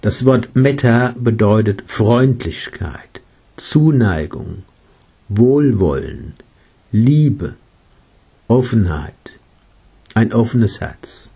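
A man voicing a gentle, patient male meditation teacher who explains his practice in a read-aloud story. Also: lowish voice, very animated, very slow, creaky, pauses often, slightly rough, exaggerated voice.

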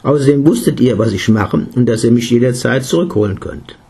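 A man voicing a young Galilean pupil who stammers and protests earnestly, in a slightly husky voice. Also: mid-range voice, animated, brisk, mellow. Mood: protesting. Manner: stammering, flustered.

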